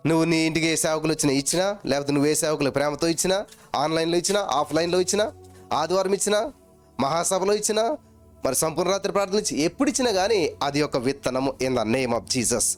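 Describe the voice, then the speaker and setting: Telugu-accented man preaching, fairly high voice. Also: fast talker, faint music behind. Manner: preaching with repeated chanting phrases and swings between loud and low. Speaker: pastor. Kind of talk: sermon.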